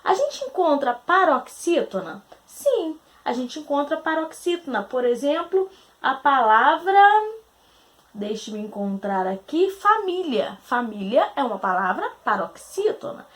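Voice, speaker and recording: High, lively-voiced woman teacher. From Brazil. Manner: asks questions aloud and answers them herself; spells out syllables slowly and deliberately. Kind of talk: recorded grammar lesson.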